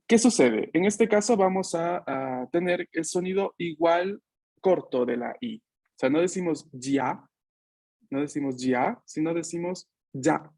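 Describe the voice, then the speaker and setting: A man with a slightly high voice teaches an online language lesson over a video call from home. He is patient and keeps checking in with short questions. He drills his class with repeat-after-me sounds. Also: darkish tone. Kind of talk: online Italian lesson for Spanish speakers.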